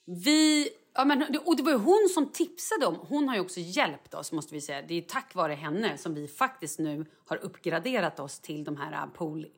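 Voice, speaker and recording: A woman co-hosting a casual podcast, telling stories in an animated way and acting out what people said. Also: on the low side, few pauses. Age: adult, mother. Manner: animated storyteller, acts out quotes. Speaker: podcast co-host. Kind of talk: casual chat.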